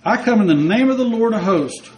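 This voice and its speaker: A man's voice: high voice, brisk, slight background noise, pitched above the performer's own voice, rough recording. A man voicing a confident, fearless young shepherd in a retold story. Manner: calm, confident.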